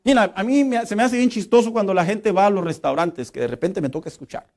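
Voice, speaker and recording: A middle-aged male pastor, preaching a lively, humorous sermon and acting out quotes. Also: high voice, fast talker.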